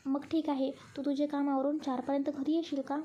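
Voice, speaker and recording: A lively young woman in a romance storybook, hurried and a little bashful, as a woman reads her. She pleads and pushes in a high, mellow voice over a faint hiss. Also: muffled recording, close to an everyday voice. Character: young woman, bubbly friend, shy about romance.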